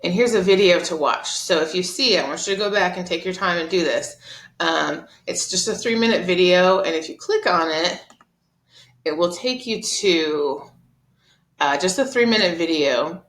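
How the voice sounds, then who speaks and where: A woman teaching an art lesson over slides, explaining in a relaxed, chatty way with frequent ums and uhs. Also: lowish voice, moderate pace. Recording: roomy echo.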